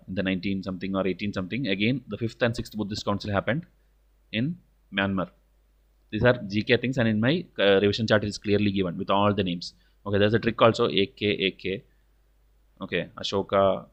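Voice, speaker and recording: A man's voice: lowish voice, lo-fi sound. A man with an Indian accent teaching exam questions in an informal lecture, blunt and stern, often punctuating with "okay". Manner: repeats "okay" as a verbal tic.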